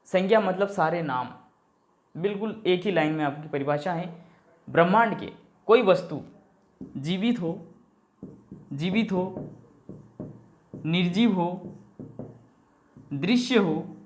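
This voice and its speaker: A man's voice: high-pitched, measured pace, pauses often. A man teaching an exam-prep grammar lesson. He poses questions, answers them himself, addresses viewers as companions and keeps checking in with a short "okay".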